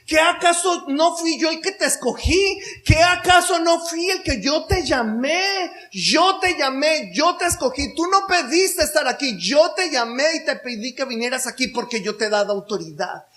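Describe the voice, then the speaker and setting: A stern divine voice, firm and insistent, pressing question after question, as a male preacher puts it on. It rings high and commanding. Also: lively intonation, normal speed, few pauses, pushed and bright, full character voice. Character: stern divine voice calling a servant.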